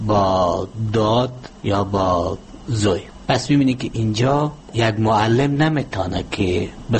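Deep-voiced man explaining grammar. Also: slight background noise. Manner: measured, didactic, gives word examples. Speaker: language expert guest. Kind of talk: formal explanatory interview answer.

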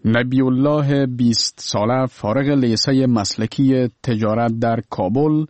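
A man's voice: medium pitch, fairly even intonation, darkish tone, no room sound. A man with an Afghan accent narrating a scripted radio feature report.

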